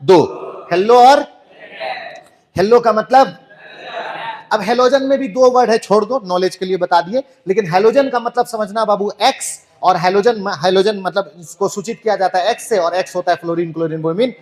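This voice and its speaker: A man's voice: high-pitched, normal speed, a little mellow. A man teaching chemistry in an online class, playful and joking, firing rhetorical questions at students.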